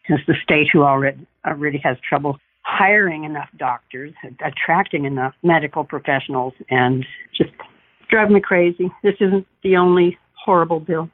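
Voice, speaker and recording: A woman's voice: sits low, fairly even intonation, moderate pace, no echo. A woman calling in to a radio talk show on speakerphone, speaking earnestly as a state director of an advocacy group. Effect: on speakerphone over a phone line. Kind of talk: call-in chat. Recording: tinny, dry speakerphone call.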